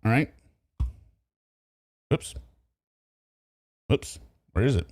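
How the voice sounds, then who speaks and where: A man's voice: mid-range voice, lively intonation, drawn-out words, darkish tone, husky, no echo. A man hosting a casual commentary show, talking with sarcastic, scornful asides. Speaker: commentary channel host.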